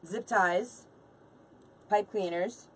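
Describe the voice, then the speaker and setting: A woman in her late forties hosts a craft livestream, chatting casually and informally as she banters with viewers and a helper. Her mid-range voice moves extremely slowly and is recorded from a distance, with a little hiss or hum in the background.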